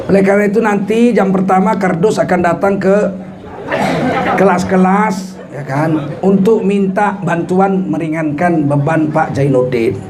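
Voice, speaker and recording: A man voicing a calm male school headmaster who gives a slow, formal speech, in a noisy recording. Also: high voice, a crowd in the background.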